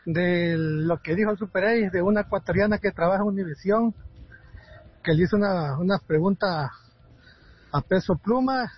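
A man's voice: high voice, normal speed. A man leaving a rambling voice message for a radio show. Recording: dull, husky radio playback.

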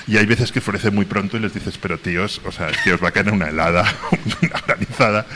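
A man's voice: lowish voice, quick pace, noisy background. A man, a journalist, chatting casually outdoors in a park, often repeating words and laughing. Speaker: journalist guest. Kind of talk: casual round-table chat.

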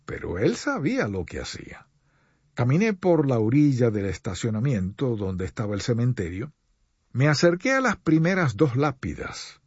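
Man, radio preacher, husky voice, pleading sermon, dry dull recording. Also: medium pitch, sing-song, darkish tone, no echo. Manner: earnest, pleading, slow deliberate pauses. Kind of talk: sermon addressing listeners.

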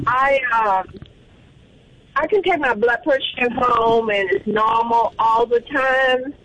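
A woman caller talking through her car's hands-free speakerphone over a phone line, a little halting and self-conscious as she asks her question. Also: fairly high pitch, fairly bright tone. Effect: car hands-free speakerphone heard over a phone line. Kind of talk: call-in question to a radio show. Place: in a parked car in a garage. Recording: dull phone line with faint noise, from far off.

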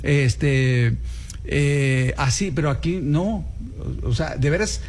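A man with a Mexican accent hosting a political news show, talking in a wry, conversational, somewhat halting way. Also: a little high, darkish tone. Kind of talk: casual political news commentary.

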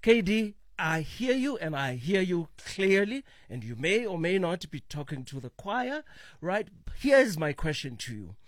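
A man's voice: sits high, very animated, measured pace, dry recording. Male radio talk host with a slightly raised voice, direct and probing, dry studio mic. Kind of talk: radio talk show hosting.

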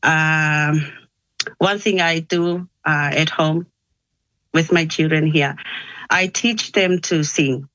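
Low-voiced Tongan woman, halting and earnest. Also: fairly even intonation, a bit bright, no echo, highs cut off. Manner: hesitant, many filler sounds, earnest. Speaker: musician guest. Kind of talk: casual interview.

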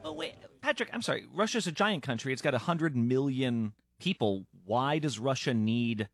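A man's voice: medium pitch, very animated, moderate pace, no echo, studio quality. A man anchoring a news broadcast, introducing stories and questioning a correspondent.

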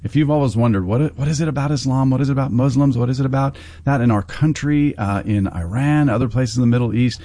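A man's voice: medium pitch, fast, hardly any pauses, mellow, no room sound. A man hosting a faith talk show, interviewing a guest and often affirming her with amens. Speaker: host.

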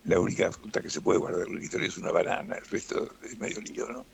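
A man's voice: sits low, fast, creaky, slightly rough. A man with a Rioplatense Spanish accent, explaining things relaxedly as a doctor guest in a radio interview and often tagging "¿no?".

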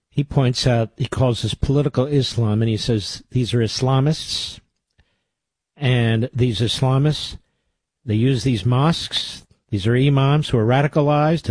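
A man's voice: mid-range voice, slightly rough, dry recording. An older man hosting a call-in talk radio show, speaking emphatically and taking callers. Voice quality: emphatic, forceful delivery.

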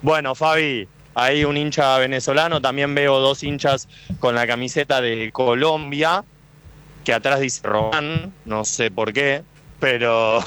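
A man with a Rioplatense Argentine accent doing live radio street interviews outside a stadium, chatty and firing quick follow-up questions. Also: mid-range voice, fairly bright tone, clear, resonant tone. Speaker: radio field reporter. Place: outdoors near a stadium.

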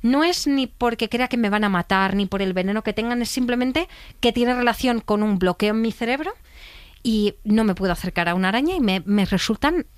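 A woman co-hosting a podcast, expressive and emphatic, quick to laugh. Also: fairly high pitch, clean tone, no room sound. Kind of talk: casual podcast chat.

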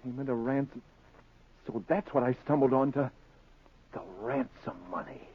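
An American actor playing an excitable, grabby working-class husband who blusters and stammers when nervous, in old-time radio drama style. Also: male voice, medium pitch, normal speed, breathy edge, close to an everyday voice. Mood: alarmed. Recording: tinny, phone-like old radio recording.

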